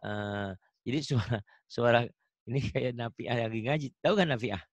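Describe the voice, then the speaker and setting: A man teaching Quran recitation over an online call, chatting and coaching, then chanting example verses slowly and melodically. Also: mid-range voice, no room sound. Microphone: video call.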